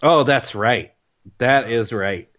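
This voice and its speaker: A man's voice: mid-range voice, slow, dull audio. A man co-hosting a podcast, talking casually and acting out scenes in mock voices. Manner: animated, acts out lines in mock voices. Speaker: podcast co-host. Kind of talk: casual chat reviewing a TV special.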